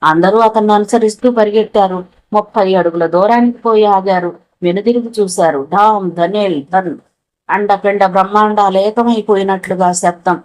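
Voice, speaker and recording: A woman narrating a novel as an audiobook, with a dramatic, expressive reading. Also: mid-range voice, a little fast, low-quality recording.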